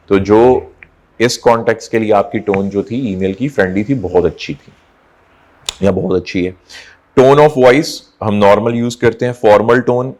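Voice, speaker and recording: Low-voiced man teaching English vocabulary. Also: darkish tone. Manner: explains in Urdu-Hindi mixed with slow, drawn-out English examples. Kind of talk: recorded classroom lecture.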